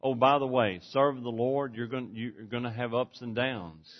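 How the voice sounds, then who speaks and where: A man's voice: medium pitch, fairly even intonation, moderate pace. Earnest male preacher, lo-fi sound. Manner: earnest, varies volume widely, from forceful to hushed. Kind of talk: sermon. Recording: dull lo-fi recording.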